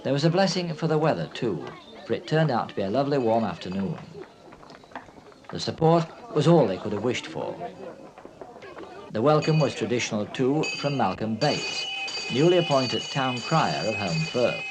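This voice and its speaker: A man reading scripted documentary narration in a measured, informative way. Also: mid-range voice, sing-song, crowd noise. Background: music.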